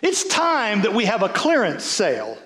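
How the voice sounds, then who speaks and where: A pastor preaching a sermon, telling stories with many stammering restarts. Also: male voice, sits high, normal speed. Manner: storytelling, animated, stammering restarts.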